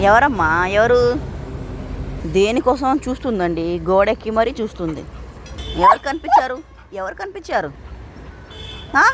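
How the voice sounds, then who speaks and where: A woman with a high voice chats to her pet dog at home. She teases and scolds it the way one talks to a small child. Faint noise sits behind her. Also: fairly bright tone. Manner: coaxing, teasing scolding as if to a child. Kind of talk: casual talk to a pet and to viewers.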